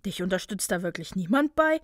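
A woman voicing a brooding young male wizard student, quiet and guilty. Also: big pitch swings, fairly quick, no room sound, clean studio sound, close to an everyday voice. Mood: earnest. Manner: quiet, subdued, low murmur.

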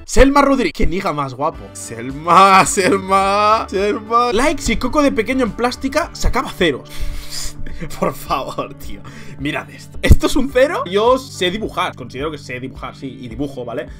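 Lively young Spanish man vlogging. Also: high voice, a little fast, soft background music. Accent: Spanish from Spain. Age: young adult. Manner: animated, jokey, laughs often, says "tío" a lot. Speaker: youtuber. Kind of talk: casual vlog reading comments.

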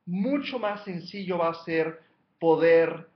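High-voiced coach in an echoey room. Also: male voice, animated, takes it slowly, muffled recording. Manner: emphatic, counts off numbered steps and repeats key points. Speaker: life coach. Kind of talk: motivational coaching talk.

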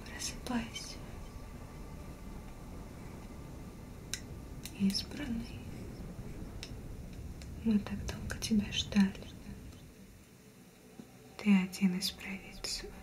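Slow whispered role-play, mystical priestess played by a woman. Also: medium pitch, steady tone, natural voice. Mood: solemn, reverent. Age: young adult. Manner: slow, hushed, reverent, reassuring. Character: mystical female sea-cult priestess, solemn and soothing. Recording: whispered recording with clear background noise, ambience.

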